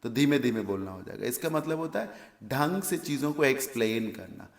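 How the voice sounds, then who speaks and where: Gravelly Indian male English teacher. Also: mid-range voice, animated, moderate pace, roomy sound. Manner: explains word meanings step by step, asks and answers his own questions. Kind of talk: exam vocabulary lesson.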